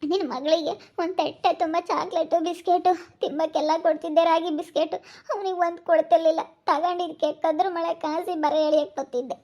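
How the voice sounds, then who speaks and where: A woman's voice: very high voice, steady tone, a little fast. A woman playing a grieving, motherless young woman who tearfully accuses her aunt in a rural family drama, in a muffled lo-fi recording. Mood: accusing, tearful. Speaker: village family drama actress.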